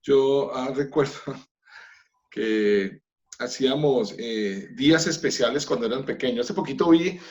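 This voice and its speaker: A man's voice: mid-range voice, a little slow, lo-fi sound. A man from Colombia, a pastor, speaking earnestly about family in a church workshop talk, with light laughs.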